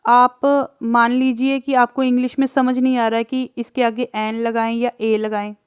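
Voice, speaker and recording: A woman's voice: a little high, little pitch movement, normal speed, clear, resonant tone, dry recording, muffled recording. A woman teacher patiently explaining English grammar in Hindi, asking the class questions and answering them, drawing out letters and examples.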